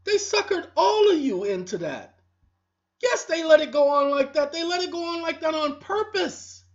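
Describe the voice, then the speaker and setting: Hosting her own online videos, a woman talks straight to viewers in a preachy, repetitive scolding monologue. Her voice is extremely high with big pitch swings at a normal pace, captured in a dull lo-fi recording.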